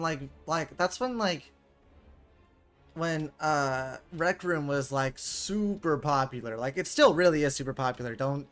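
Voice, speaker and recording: Game music runs beneath this eighteen-year-old's solo commentary on a competitive VR shooter match, where he also reads viewer chat. As an esports caster he rambles filler-heavy between rounds and gets loud and high-pitched whenever plays happen.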